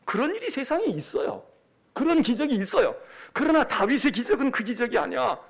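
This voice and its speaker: High gravelly male preacher. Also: a little fast. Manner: animated, emphatic, acts out quotes. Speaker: senior pastor. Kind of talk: sermon.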